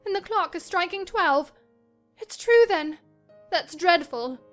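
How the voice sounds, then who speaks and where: A woman playing high-voiced, delirious Catherine, a feverish young gentlewoman. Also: expressive, takes it slowly, soft background music, full character voice. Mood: frightened. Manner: theatrical, shifting between dreamy murmur and anxious outburst. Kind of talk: dramatized reading of a classic novel.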